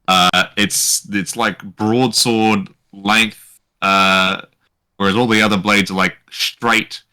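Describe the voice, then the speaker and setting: A man narrating as game master, halting, with many fillers. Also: lowish voice, flat delivery, pushed and bright.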